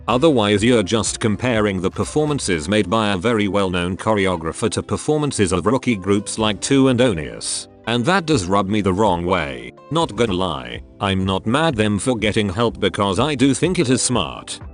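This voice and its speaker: A male text-to-speech robot voice sitting fairly low, yet its pitch swings around a lot. It reads out a channel host's blunt, opinionated commentary. Faint music plays softly behind it. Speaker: channel host.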